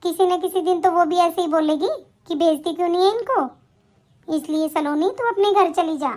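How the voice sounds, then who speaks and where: A stern, moralizing mother of grown children, voiced by a woman in an animated story. Her voice is pitched very high, and she scolds and preaches in a lecturing way. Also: normal speed. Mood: scolding.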